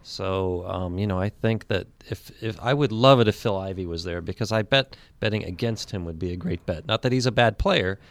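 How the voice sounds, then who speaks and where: A man co-hosting a radio show in a studio, explaining his thinking in a measured, analytical way. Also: deep voice, no room sound. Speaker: radio co-host. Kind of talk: casual radio chat.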